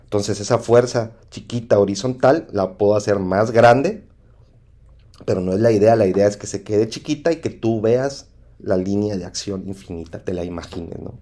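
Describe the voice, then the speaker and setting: A man with a Mexican accent teaching an engineering lesson over slides, often pausing with "¿sí?" to check understanding. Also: fairly low pitch, mellow. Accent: Mexican Spanish. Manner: repetitive, asks "¿sí?" to check understanding. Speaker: engineering instructor.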